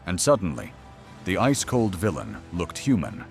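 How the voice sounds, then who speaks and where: A man's voice: low-pitched, huge pitch swings, normal speed, vocal fry, soft background music. A man narrating a scripted documentary in a dramatic, mocking storytelling manner.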